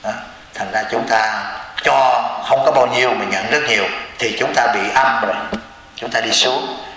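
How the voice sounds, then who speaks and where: Male Buddhist preacher, sharp bright voice, sermon in a very echoey hall with faint room noise. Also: medium pitch, normal speed. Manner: keeps asking the audience rhetorical questions. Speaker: Buddhist teacher. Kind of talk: sermon to a congregation. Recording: echoey hall with long reverb.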